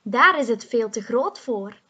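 A woman voicing a calm, sensible young boy in a children's storybook, speaking in a matter-of-fact way. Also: on the high side, unhurried, heavily acted.

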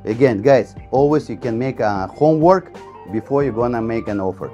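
This property tour comes from a real estate agent whose animated, medium-pitched voice has a dark tone and a moderate pace. He chats his way through a bright condo and out to an ocean balcony, repeating "guys" and "again" in non-native grammar. Faint music sits behind him, and the highs are cut off.

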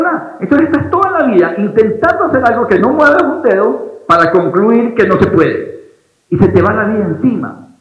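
A young man with an Ecuadorian accent delivers a lively motivational keynote, pacing a big auditorium stage and throwing questions at the crowd. His voice sits fairly high for a man and rings through a roomy hall. The audio is dull and lo-fi. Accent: Ecuadorian Spanish. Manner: energetic, questions the audience, paces the stage. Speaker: motivational speaker. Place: large wood-paneled auditorium stage.

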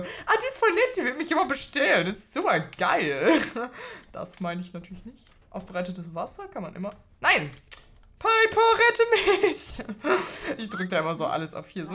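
A young woman giving casual let's play commentary, excitable, swearing and laughing a lot. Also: fairly low pitch. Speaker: gaming video host.

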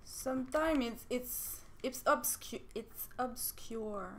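A young French woman with a French accent, chatting excitedly while playing a game, laughing often and breaking into squeals and shouts. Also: on the high side, drawn-out words, slight background noise. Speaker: game streamer. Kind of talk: casual gameplay commentary.

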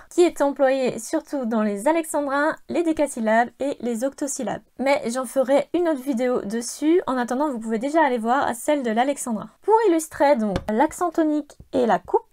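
Bright-voiced woman explaining poetry. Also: high-pitched. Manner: clear, measured, stresses key words. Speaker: poetry channel host. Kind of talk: explanatory teaching talk.

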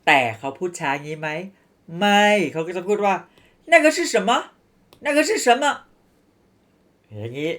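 Lively woman teacher drilling phrases. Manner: drills phrases slowly, then repeats them fast; animated, swinging pitch to model questions. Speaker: Chinese language teacher. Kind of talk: classroom language lesson.

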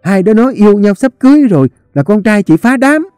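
A man voicing a brash, spiteful middle-aged woman who wails and accuses in a high, shrill voice. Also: animated, fairly quick, dark tone, smooth, no echo, clean studio sound, faint music behind.

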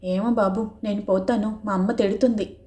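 A woman's voice: mid-range voice, steady tone, moderate pace, mellow, close to an everyday voice. A woman reading the curt, defiant lines of a touchy ten-year-old girl in an audiobook novel. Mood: sulky.

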